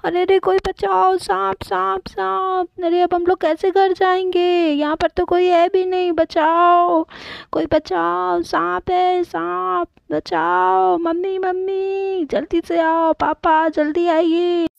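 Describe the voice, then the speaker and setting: A woman's voice: very high-pitched, flat delivery, moderate pace, few pauses, dry recording, lo-fi sound, pitched above the performer's own voice. A woman doing a frightened little girl. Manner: frightened, pleading, crying out. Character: scared little girl calling for her parents. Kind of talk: doll-play story acting.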